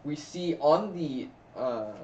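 A man's voice: on the high side, expressive, slow, mellow, a little hiss or hum. A man narrating a tabletop game as game master, in a casual, rambling way. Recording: roomy, distant, dull recording.

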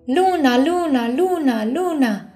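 A tiny male dragon from a storybook, excitable and dramatic, gushing in a voice pitched well up and pushed loud, as a woman acts him out. Faint music plays underneath. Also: natural voice. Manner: gushing, theatrical.

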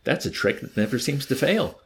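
A man's voice: medium pitch, big pitch swings, brisk, husky, pitched above the performer's own voice. A man reading as a smug, sly colonel. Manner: casual and self-satisfied.

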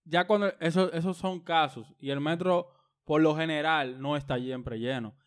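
A man's voice: fairly high pitch, normal speed, smooth. A man with a Dominican accent chatting casually with friends, emphatic and ranting about noise. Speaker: panelist. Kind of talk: casual group chat.

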